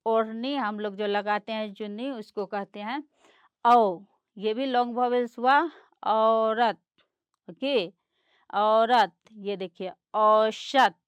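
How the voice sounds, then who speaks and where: A woman teaching young children, explaining slowly and patiently and mixing words into her lessons. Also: fairly high pitch, smooth, no echo. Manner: slow, patient, explaining and pointing things out; mixes English words into Hindi explanations.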